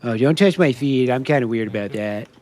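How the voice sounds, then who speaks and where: A man streaming a survival game, chatting in character and to his viewers, laughing often as he talks. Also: brisk. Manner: chatty, laughs often, lively swings in pitch. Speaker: streamer playing a role-play character. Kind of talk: live gameplay role-play chat.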